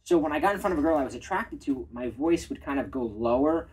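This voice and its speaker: A man giving dating advice in a measured, reflective casual chat. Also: on the high side, expressive, a little mellow, slightly rough, poor audio. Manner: measured, reflective, self-disclosing. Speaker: dating coach.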